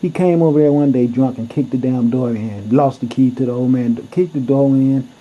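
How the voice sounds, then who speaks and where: A man's voice: mid-range voice, normal speed. A man telling a story to camera in a blunt, heated way, cursing freely as he goes. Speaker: vlogger. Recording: dull lo-fi recording.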